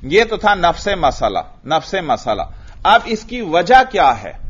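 A man with a Pakistani Urdu accent teaching Arabic grammar in a classroom lecture, asking questions and answering them himself, and reciting Arabic examples slowly. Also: on the high side, very animated, slightly rough. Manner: drills students with questions and answers. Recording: dull lo-fi recording.

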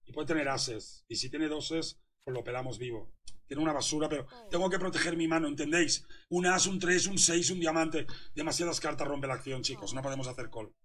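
A man's voice: on the high side, brisk, fairly bright tone. A young man, a poker coach commentating his hands live and teasing a viewer in chat.

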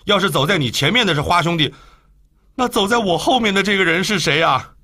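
A man's voice: sits high, expressive, fast talker, bright, forceful tone, pitched above the performer's own voice, full character voice. A man voicing a hearty, big-brother type fighter in an audiobook, calling out in an exclamatory way. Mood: anxious. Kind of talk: audiobook character voice.

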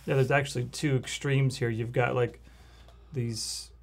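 A man in mid pitch who talks slowly and calmly while co-hosting a faith reaction show. He explains scripture in an affirming, teaching way and often backs up his co-host. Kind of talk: casual chat reacting to a show.

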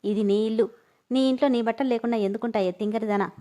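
A man's voice: high-pitched, steady tone, mellow, lightly acted. A woman voicing a fond, teasing young husband. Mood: tender. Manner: fond and teasing, speaks quickly.

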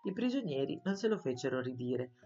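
A woman reading a children's novel aloud for schoolchildren, in an expressive storytelling style. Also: rumbling low, brisk, muffled recording, faint music behind. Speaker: audiobook reader for schoolchildren. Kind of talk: storybook narration.

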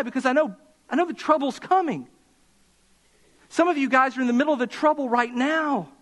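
A man with a high, light voice preaching to his congregation in a church sanctuary. He talks in an impassioned way and slows right down to press his points home. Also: fairly bright tone. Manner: impassioned preaching, slowing for emphasis. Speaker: pastor. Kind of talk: sermon.

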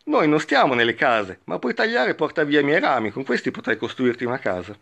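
A man's voice: fairly high pitch, sing-song, fairly quick, gravelly, fairly bright tone, pitched above the performer's own voice, exaggerated voice. A man voicing a tender, generous tree. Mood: musing. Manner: pleading and tender. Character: loving, generous, patient old tree.

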